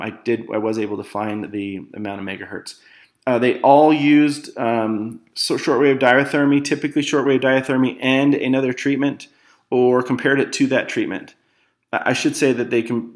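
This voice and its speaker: Walking through slides for an academic presentation, a student speaks in a mid-range male voice. His delivery is sometimes halting, with self-corrections and repeated words.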